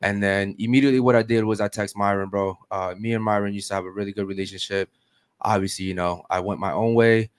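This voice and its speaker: Blunt low-voiced podcast host. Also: male voice, steady tone, quick pace, clean tone, no room sound. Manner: blunt, drops "bro" and "man" often. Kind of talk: casual podcast chat.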